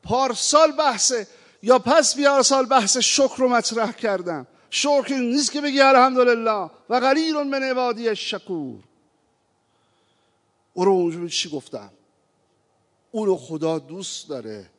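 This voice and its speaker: A man preaching a sermon, moving from quiet reflection to impassioned appeals and slowly chanting verses. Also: very high voice, expressive. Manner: impassioned, rising to emphatic appeals; recites verses in a slow chanting tone. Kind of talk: religious sermon. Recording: reverberant hall.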